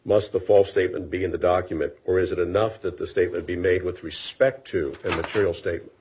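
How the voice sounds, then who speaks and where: A man's voice: low-pitched, steady tone, fast, darkish tone, slightly rough. A man presiding as an appellate judge, firing probing questions at counsel and often cutting in. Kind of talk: questioning counsel at oral argument. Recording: dull lo-fi courtroom audio.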